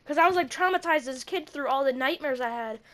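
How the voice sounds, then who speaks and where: A woman's voice: sits high, fast talker. A young woman co-hosting a casual podcast, telling a spooky story and acting out the quotes with yelps. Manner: animated, acts out quotes with yelps. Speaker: podcast co-host.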